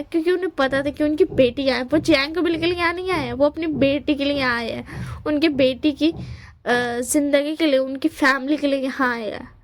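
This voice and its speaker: Chatty high-voiced woman retelling a story. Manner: chatty, searches for words, mixes English words into the telling. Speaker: fan fiction narrator.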